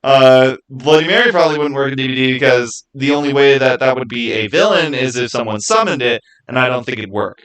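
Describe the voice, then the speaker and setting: This man talks fairly quickly with few pauses in a medium-pitched, fairly bright voice, captured on a rough recording. As host of a casual, unscripted gaming video, he pushes his opinions emphatically and repeats phrases for effect.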